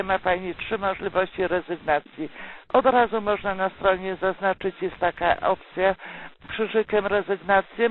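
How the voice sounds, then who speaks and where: A woman working as a telemarketer, delivering a polite, persuasive, partly scripted sales pitch and checking often for agreement. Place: recorded phone call. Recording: tinny phone line with loud noise.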